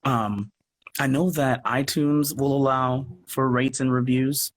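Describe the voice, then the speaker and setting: Speaking slowly with a steady tone and medium pitch, a man joins a noisy live video call as a guest, a producer from a theatre company. He chats casually with emphasis and enthusiasm, often starting sentences over and adding asides.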